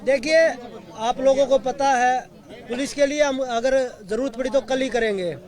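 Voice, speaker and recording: High-voiced man at an outdoor protest. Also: fairly even intonation, normal speed, darkish tone. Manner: urgent, accusatory. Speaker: protesting wrestler. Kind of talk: speaking to the press at a protest. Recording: outdoor crowd noise behind.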